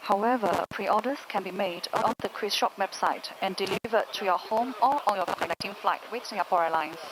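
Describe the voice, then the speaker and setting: Female cabin crew announcer, medium-pitched, scripted delivery, clear cabin noise around the PA. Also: a little fast. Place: aircraft cabin. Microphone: cabin PA, picked up from speakers.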